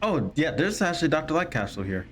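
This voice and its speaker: A man's voice: a little high, very animated, fast, fairly bright tone. A man giving casual live gameplay commentary as a streamer, explaining as he plays. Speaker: game streamer. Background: game music.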